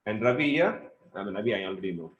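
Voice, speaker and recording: Male instructor on a video call, slightly low voice, casual and apologetic classroom chatter. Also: very animated, rapid-fire, dull audio. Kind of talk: live online class.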